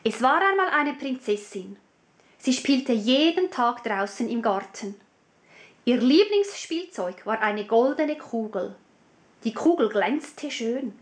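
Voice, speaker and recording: A woman telling a fairy tale for children, taking her time over every sentence. Her high voice rises and falls a great deal as she paints the story. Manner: slow, clear and expressive.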